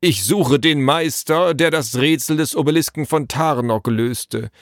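Man doing a fussy royal herald, high and stiff, drawn-out pompous delivery, dry studio sound. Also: dry recording. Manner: stiff, formal, slow and declaiming. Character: pompous adult male royal messenger, easily flustered.

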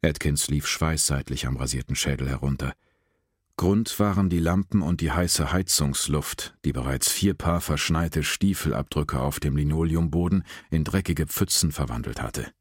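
A man narrating an audiobook with an even, steady reading. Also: rumbling low, normal speed, slightly rough, dry recording, studio quality.

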